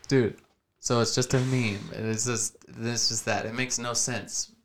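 A man's voice: mid-range voice, little pitch movement, a little slow, heavy background noise. A young man hosting a podcast, chatting casually and swearing often. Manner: laid-back, swears a lot, calls people dude. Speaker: podcast host. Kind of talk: casual chat.

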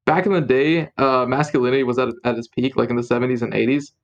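A man's voice: medium pitch, fairly even intonation, quick pace, lo-fi sound. A young man co-hosting a podcast, joking and laughing, often trailing off mid-sentence. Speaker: podcast co-host. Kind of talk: casual chat.

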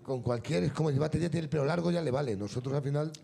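Guy hosting a comedy show, high gravelly voice, rambling crude jokes into a handheld mic. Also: very fast, warm tone. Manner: rambling storyteller, crude, joking. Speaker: host. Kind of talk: live comedy show, drinking game. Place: stage with live audience. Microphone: handheld microphone.

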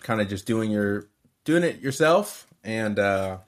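Laid-back man with a lowish voice. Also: measured pace. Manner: relaxed, hesitant with many fillers. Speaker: podcast co-host. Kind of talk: casual podcast chat.

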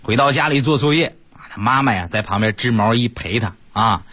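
A man's voice: medium pitch, brisk, sharp tone, no room sound. A man doing stand-up comedy, telling stories in a chatty, self-mocking way and talking straight to the audience.

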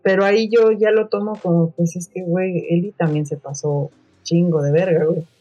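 A woman's voice: fairly low pitch, fairly even intonation, normal speed, dark tone, lo-fi sound. A Mexican woman chatting casually and opinionatedly about a video game, with plenty of slang and swearing.

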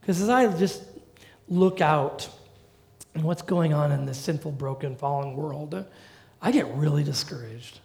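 A middle-aged male pastor preaching a sermon in a conversational, animated way with humorous asides. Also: fairly high pitch, measured pace, creaky.

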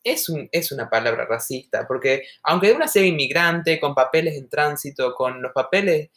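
A woman from Argentina with a softened Argentine accent, co-hosting a podcast and talking earnestly and at length in casual conversation. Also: low-pitched, animated, moderate pace. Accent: Argentine Spanish, softened toward neutral. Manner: earnest, reflective, talks at length. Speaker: podcast co-host.

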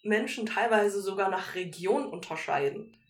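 A woman's voice: mid-range voice, normal speed. Woman from Germany, echoey room. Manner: earnest, tells personal anecdotes. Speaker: podcast co-host. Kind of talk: casual conversational podcast.

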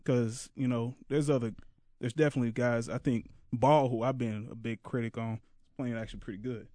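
A man musing about basketball in a rambling, hesitant way. His voice is mid-pitched and recorded dry and close. He laughs often between points. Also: steady tone, fairly quick, dark tone, no echo. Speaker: podcast co-host. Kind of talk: casual sports chat.

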